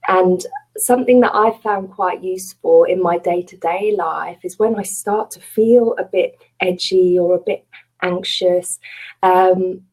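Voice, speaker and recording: A woman leads a mindfulness webinar in a soft, breathy voice with a husky edge. She talks gently and without hurry, reassuring her listeners as she guides them into a meditation. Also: mid-range voice, rough recording. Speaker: mindfulness coach. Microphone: webcam or computer mic on a video call.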